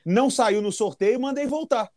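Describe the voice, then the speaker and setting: A man's voice: very high voice, moderate pace, darkish tone, dry recording. A Brazilian man giving opinions on football in a casual podcast chat.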